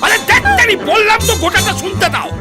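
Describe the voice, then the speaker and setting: A man's voice: very high voice, sing-song, fast, loud music behind the voice. An actor playing a hot-tempered, blustering father in a comic film scene. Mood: puzzled. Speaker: angry father on the phone.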